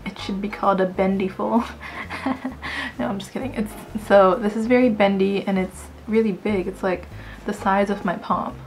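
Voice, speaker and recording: A woman's voice: mid-range voice, fairly even intonation, fairly quick, soft background music. A woman beauty vlogger giving a casual, jokey product review to camera, chatting and giggling.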